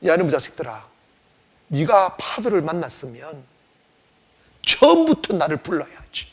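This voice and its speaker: A man voicing the Lord as a stern, exasperated figure scolding faithless disciples in a gruff, reproachful tone. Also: a little high, sing-song, moderate pace, voice pushed down, heavily acted.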